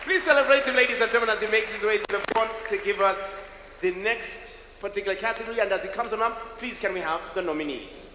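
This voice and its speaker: A man's voice: high-pitched, fast, pushed and bright, a little hiss or hum. A man with a Kenyan accent hosting an awards show, exuberantly calling for applause from the stage. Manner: exuberant crowd-rousing. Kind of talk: live stage hype and announcing. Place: large conference hall stage. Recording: echoey hall PA, music and crowd behind.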